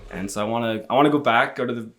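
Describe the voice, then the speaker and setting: A young man from Utah talks as a guest on a podcast, at an average pitch. He is friendly and easygoing and chuckles often. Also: very fast, slight background noise. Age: young adult. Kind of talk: casual chat.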